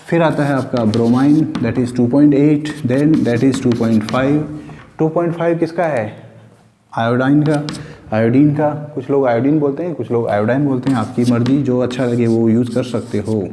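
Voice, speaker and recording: A man teaching chemistry. His voice is mellow and warm at a middle pitch, and he says key points twice and asks the class questions. The sound trails off in a long reverb. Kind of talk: chemistry lesson.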